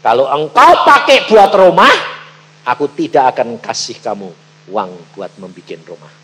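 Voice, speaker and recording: A man voicing God in a sermon story, speaking in a firm, low, measured tone of warning. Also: huge pitch swings, fairly bright tone, a little hiss or hum, low-quality recording. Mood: stern. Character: God speaking sternly to a believer, male.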